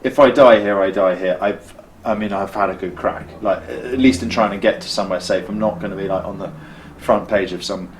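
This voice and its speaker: British man telling a wild story, lowish voice. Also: fairly quick, slight background noise, rough recording. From Britain. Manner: vivid, acts out quotes, frequent restarts. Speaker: filmmaker interviewed as guest. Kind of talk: animated storytelling in conversation. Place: costume shop.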